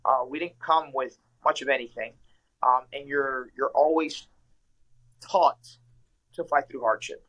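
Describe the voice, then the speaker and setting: Through a muffled recording comes a medium-pitched, fairly bright male voice, steady and unhurried. It belongs to a young adult from Ecuador, a professional MMA fighter interviewed as a guest, who answers in an earnest, thoughtful way full of fillers.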